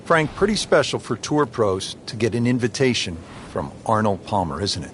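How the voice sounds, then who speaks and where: A man doing play-by-play commentary on a golf broadcast, with a smooth, measured announcer delivery. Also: on the low side, very animated, fairly bright tone, a little hiss or hum. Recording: game broadcast with music behind.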